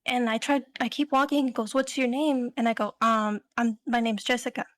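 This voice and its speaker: A woman's voice: on the high side, fairly even intonation, fairly quick, fairly bright tone, no echo. A young adult woman co-hosting a podcast, telling a story in a rambling, casual way full of fillers. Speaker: podcast co-host.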